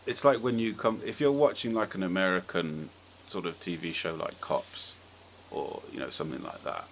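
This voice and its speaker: Clearly audible background noise sits behind this podcast host, a man with a low voice who speaks at normal speed. He chats in a casual, informal way and holds strong opinions.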